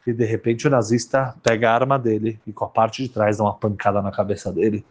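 A man telling a dramatic story as a rabbi, swinging between loud cries and hushed tones. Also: lowish voice, flat delivery, quick pace, breathy edge.

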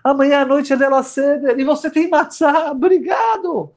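A man's voice: on the high side, lively intonation, brisk. A man voicing a weak, desperate male prisoner who pleads and cries out. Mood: overjoyed. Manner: breathless, pleading, ecstatic cries.

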